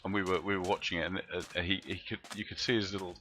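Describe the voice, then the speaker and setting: A deep-voiced man rambles through live commentary as he plays, chatting to his viewers while he works. His tone is bright and forceful, and he thinks aloud in loose, wandering sentences. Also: flat delivery, fast, slight background noise. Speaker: game streamer.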